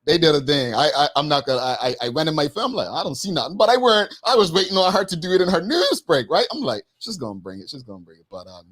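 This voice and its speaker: A man hosting a casual interview, halting and repeating words as he builds up a question. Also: on the high side, big pitch swings, fairly bright tone. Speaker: talk show host.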